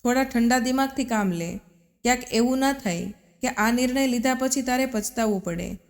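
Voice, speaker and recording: A woman voicing a gentle middle-aged mother who coaxes and soothes her daughter, in a storybook reading. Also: on the high side, normal speed, natural voice. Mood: soothing. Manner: soothing, coaxing. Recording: long reverb.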